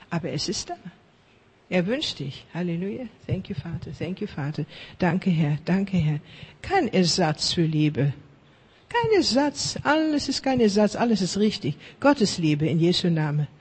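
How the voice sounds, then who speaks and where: A male preacher leads charismatic prayer ministry in a high, breathy voice. He repeats his blessings like a chant and drops to a whisper now and then. English phrases slip into his German prayer. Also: big pitch swings, a little slow, darkish tone. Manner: fervent, repetitive chanting of blessings.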